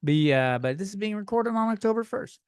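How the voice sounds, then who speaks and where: A man's voice: sits high, lively intonation, fairly quick, clean tone, no room sound, studio quality. A man in his thirties hosting a solo comedy podcast, rambling and swearing as he rants. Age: 30s. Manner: rambling, profane, self-deprecating. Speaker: podcast host.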